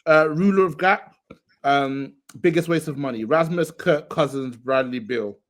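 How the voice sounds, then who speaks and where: A young man hosts a football podcast and reads listener questions in an easygoing way. His voice sits a little high. He moves between the questions and light joking with his co-hosts. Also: a little slow. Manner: laid-back, reads out questions then jokes around. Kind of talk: casual chat.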